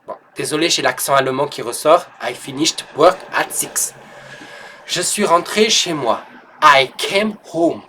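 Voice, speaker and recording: A man teaching English in an online lesson, patiently explaining grammar and repeating each phrase slowly and clearly for learners. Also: fairly high pitch, expressive, sharp tone, slight background noise.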